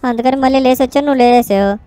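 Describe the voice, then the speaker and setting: A woman voices a cheeky little boy who whines through his lines in a high, smooth voice. The tone is soft and mellow, and he rattles his words off quickly. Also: no echo, close to an everyday voice. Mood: sleepy.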